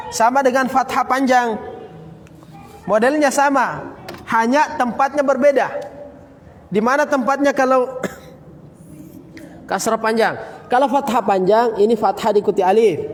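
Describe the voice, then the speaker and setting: A man teaching a Quran recitation lesson, drilling students with repeated questions and slowly chanting example words. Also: extremely high pitch, long reverb tail, slight background noise. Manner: occasional coughs, casual. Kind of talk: classroom tajwid lesson.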